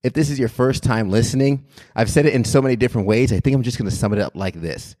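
A man's voice: mid-range voice, fast, dark tone, dry recording. A young man hosting a podcast, greeting his listeners and guest in an upbeat, friendly way. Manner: upbeat, friendly, laughs easily. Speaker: podcast host. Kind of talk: casual podcast chat.

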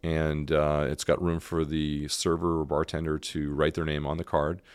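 A man's voice: a bass voice, level tone, normal speed, clear, resonant tone, no room sound. A middle-aged man from Canada, a restaurant owner speaking as a guest in a casual podcast interview, earnest and emphatic, often repeating words as he thinks.

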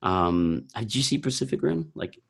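A man's voice: medium pitch, animated, moderate pace, creaky, breathy edge. A young man chatting casually about films, rambling with lots of filler words. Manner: rambling, laid-back, heavy use of filler words.

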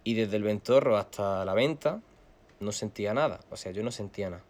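A young man, telling a story casually as a guest, animated and slangy with frequent swearing. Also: lowish voice, fairly quick.

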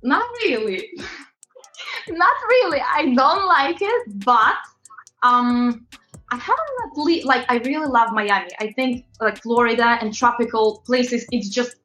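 A woman's voice: a little high, animated, measured pace, a bit bright, poor audio. Chatty Latvian-accented woman singer. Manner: chatty, gushing, trails off with fillers. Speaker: singer-songwriter guest. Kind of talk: casual interview chat.

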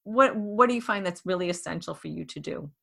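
A woman's voice: fairly low pitch, expressive, brisk, vocal fry, pushed and bright, husky. A woman interviewing a fighter, often repeating words and restarting sentences as she forms her questions. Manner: hesitant, repeats words while forming questions. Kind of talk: casual interview chat.

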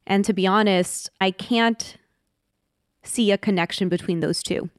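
A woman's voice: mid-range voice, dry recording, studio quality. A woman in her thirties from the United States, speaking as a podcast guest in a reflective, candid way. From Washington, D.C., United States. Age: 30s. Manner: thoughtful, candid, slows down on heavy points. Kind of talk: reflective interview conversation.

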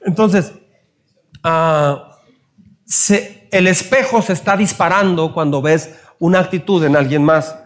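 Mexican pastor guy preaching, kinda high voice, asks the crowd stuff, acts out bits. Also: takes it slowly. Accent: Mexican Spanish. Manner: animated, acts out scenes in raised voices; asks the audience questions. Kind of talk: sermon.

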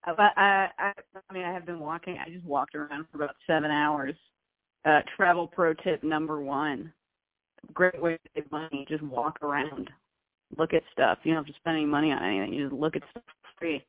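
A woman co-hosting a casual chat show by phone, coming through a breaking-up line, with a wry, deadpan sense of humor. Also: low voice, a little fast. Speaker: podcast co-host calling in from abroad. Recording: tinny, dry phone call with dropouts.

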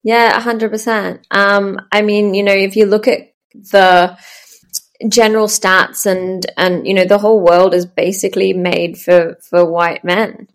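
A woman, a startup founder chatting in an interview, full of ums and soft laughs. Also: mid-range voice, level tone, a little slow. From Australia. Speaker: startup founder, podcast guest. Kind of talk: casual interview chat.

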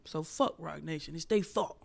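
A woman comedian hosting her podcast alone, ranting in loud, profane, animated bursts that sometimes drop to a whisper. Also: low-pitched, normal speed, creaky. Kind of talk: solo comedic rant.

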